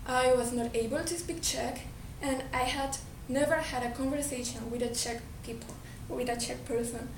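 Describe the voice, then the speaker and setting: In an echoey hall, a distant microphone records a high-voiced woman with a Colombian Spanish accent giving an earnest talk to an audience. She keeps a moderate pace with few pauses but often restarts words, while steady noise and a low rumble sit underneath.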